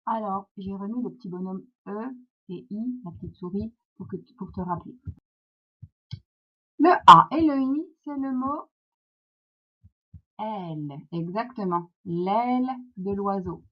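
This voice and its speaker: Woman, French accent, primary teacher, very slow encouraging delivery, muffled lo-fi recording. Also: medium pitch, expressive. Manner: slow, clear, encouraging, syllable by syllable. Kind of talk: phonics lesson for young children. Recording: dull lo-fi sound.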